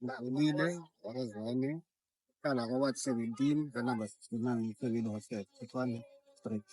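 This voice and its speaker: A man's voice: medium pitch, moderate pace, darkish tone, husky, dry recording, poor audio. A man with a South African accent answering informally as a voter in a street interview.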